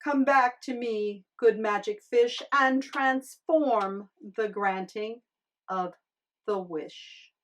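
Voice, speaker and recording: A woman voicing a meek, kindly fisherman, a reluctant husband in a storybook tale, speaking in a gentle, hesitant, pleading way. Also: on the high side, takes it slowly, poor audio. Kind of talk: storybook character acting.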